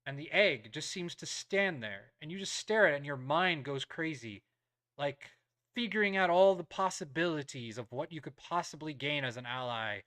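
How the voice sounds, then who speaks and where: Bright-voiced man running a tabletop game. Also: fairly high pitch, expressive, normal speed, dry recording. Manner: hesitant, improvising. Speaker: game master. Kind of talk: casual tabletop game narration.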